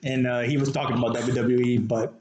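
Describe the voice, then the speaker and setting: An American podcast co-host tells casual stories in a conversational, somewhat hesitant way. His voice is medium-pitched and level, his pace brisk, and the recording has a roomy echo with background noise.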